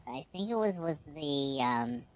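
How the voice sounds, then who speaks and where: A male streamer chatting casually through a high-pitched chipmunk voice filter, rambling with many fillers. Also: expressive, a little slow. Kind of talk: casual live-stream chat.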